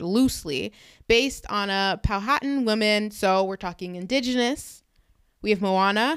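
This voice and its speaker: A woman's voice: medium pitch, fairly bright tone, smooth, dry recording. A young woman from Canada hosting a podcast, talking through her views in an emphatic, conversational monologue with rhetorical questions. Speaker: podcast host. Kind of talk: casual commentary monologue.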